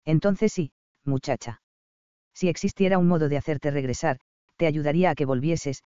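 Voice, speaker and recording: A man voicing a stern highland warrior. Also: dark tone, smooth, no echo, lo-fi sound, lightly acted. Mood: quiet. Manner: stern, commanding, low and measured. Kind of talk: audiobook character reading.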